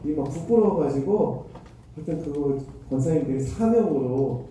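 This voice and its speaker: A man's voice: a little high, lively intonation, moderate pace, mellow, slight background noise. A man who is a pastor, telling a self-deprecating story in his sermon. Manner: self-deprecating anecdotal storytelling with acted quotes. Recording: echoey hall, mic far off.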